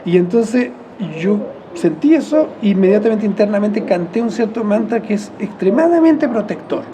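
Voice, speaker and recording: A Chilean man being interviewed, speaking in a mellow, warm tone. He wanders through his thoughts, restarts phrases and corrects his words as he goes. A faint hum of background noise sits beneath his voice. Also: high voice, animated, moderate pace. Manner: rambling, self-correcting, with soft chuckles. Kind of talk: reflective conversational explanation.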